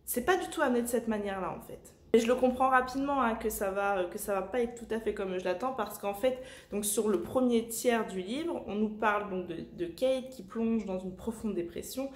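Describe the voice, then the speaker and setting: A woman book vlogger, talking casually at home with many filler pauses. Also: on the high side. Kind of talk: casual vlog chat. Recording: echoey room.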